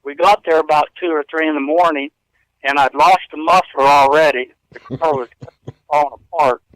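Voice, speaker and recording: A man's voice: on the high side, fairly even intonation, normal speed, no room sound, poor audio. Earnest rambling man in his fifties. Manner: earnest, rambling storyteller who chuckles often. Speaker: interview guest, pianist. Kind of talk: storytelling in a radio interview. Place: hotel room.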